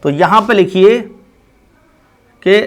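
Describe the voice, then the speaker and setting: Chemistry teacher, male, high voice, unhurried, walks students through each step. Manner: slow, step-by-step explaining with repeated check questions. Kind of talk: blackboard lesson.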